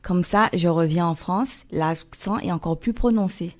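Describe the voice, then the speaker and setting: A woman's voice: lowish voice, moderate pace. A woman business owner, a guest on a radio show, speaking in a cheerful, proud way. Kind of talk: radio interview.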